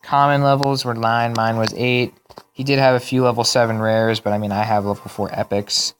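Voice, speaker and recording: A young man giving casual, rambling commentary on a mobile game replay, correcting himself as he goes, his voice worn and going hoarse. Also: medium pitch, level tone, moderate pace, low-quality recording. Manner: rambling, self-correcting, chatty. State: losing his voice. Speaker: gaming channel host.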